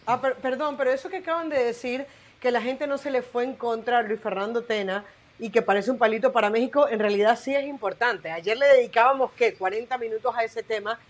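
A woman with a slightly high voice talks as a sports panelist. She cuts in apologetically, then makes her points briskly. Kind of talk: sports talk show commentary.

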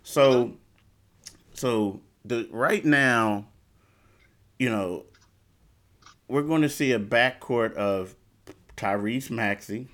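A man's voice: fairly low pitch, fairly bright tone. Man, sports podcast host, casual chat, repeats himself, questioning. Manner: thinks aloud, repeats himself, fires questions.

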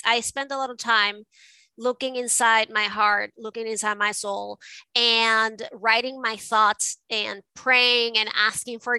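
A woman's voice: a little high, sharp tone, clean tone, no echo, low-quality recording. A middle-aged woman from Venezuela, a guest in an interview, telling her story in a reflective way with frequent restarts. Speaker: guest, art advisor. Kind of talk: casual interview.

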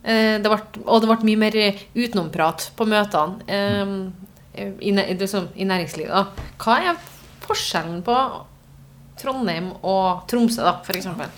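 A woman with a mid-range voice hosts an interview. She asks her questions in an informal, conversational way. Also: medium pitch. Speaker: interviewer, host.

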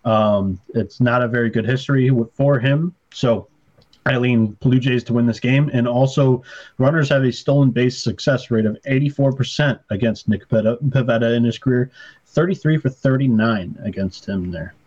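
A man co-hosting a sports betting podcast, laying out stats in a measured, steady way during casual chat. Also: mid-range voice, highs cut off. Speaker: podcast co-host.

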